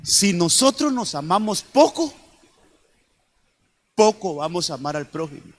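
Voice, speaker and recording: A man's voice: sits high, big pitch swings, unhurried. A man preaching a sermon as pastor, often repeating himself and calling the listeners brother. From Honduras. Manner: repetitive, addresses congregation as brother.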